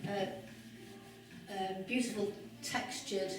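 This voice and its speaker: In a large room of an old house, a woman leads an informal, explanatory guided tour, speaking slowly and with some hesitation in a mid-range voice with fairly even intonation. The room echoes, the mic is distant, and there is background noise.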